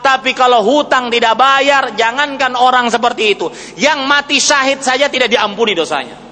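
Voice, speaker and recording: A man in his forties preaching a sermon, emphatic, asking rhetorical questions and swinging between loud and hushed. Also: very high voice, in a large hall. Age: 40s.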